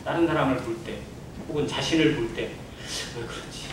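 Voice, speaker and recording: A pastor giving a Sunday sermon in a church, preaching conversationally and putting rhetorical questions to the congregation. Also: male voice, mid-range voice, fast talker, background noise. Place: church sanctuary. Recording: very echoey church hall, from a distance.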